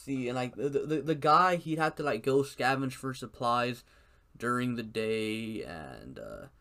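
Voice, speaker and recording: A man's voice: medium pitch, expressive, unhurried, creaky, sharp tone. Rambling, swearing man in casual chat. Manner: rambling, heavy swearing, many "like" fillers.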